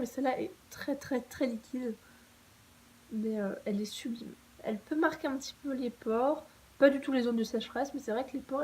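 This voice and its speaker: A woman's voice: fairly high pitch, a little mellow, poor audio. A young woman talking casually to camera, reviewing her favourite makeup products in a chatty, enthusiastic way with frequent fillers and restarts. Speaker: beauty vlogger.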